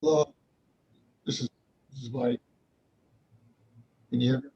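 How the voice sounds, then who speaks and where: A man's voice: medium pitch, wildly swooping pitch, measured pace, vocal fry, mellow, slightly rough. Man on a stuttering, echoing video call. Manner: hesitant, repeats himself. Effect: stuttering, echoing video-call audio. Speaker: webinar participant. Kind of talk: casual chat. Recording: muffled, dull video-call line.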